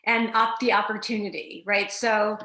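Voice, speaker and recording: A woman's voice: mid-range voice, flat delivery, normal speed, bright, forceful tone, roomy sound. A middle-aged woman co-hosting a career webinar, talking loosely with many fillers and restarts. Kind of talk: conversational webinar presentation.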